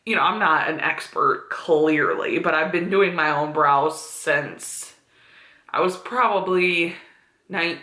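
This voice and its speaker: A young woman in her twenties talks casually to camera at home, rambling with fillers and easy laughs. Her voice is bright and forward, and the room around her rings with echo. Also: low-pitched, slow. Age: 20s. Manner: chatty, with frequent fillers and laughs. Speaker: beauty vlogger. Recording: echoey room.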